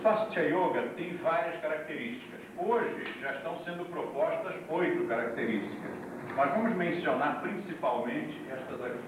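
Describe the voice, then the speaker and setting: A man teaching a yoga class in a deliberate, explanatory way, heard on an old VHS tape recording. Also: fairly high pitch. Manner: deliberate, explains terms one by one, with asides to the class. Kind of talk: classroom lecture. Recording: echoey, distant, noisy old VHS recording.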